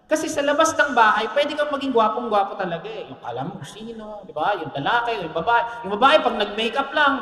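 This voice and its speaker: A man's voice: high voice, very animated, fast, hardly any pauses, pushed and bright. A man with a Filipino accent preaching a sermon as pastor, joking and teasing the congregation. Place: church hall. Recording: echoey church hall, long reverb.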